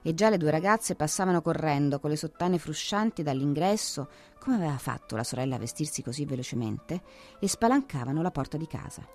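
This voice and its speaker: A woman narrating a classic novel as an audiobook in a steady, expressive reading. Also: sits low, brisk, faint music behind.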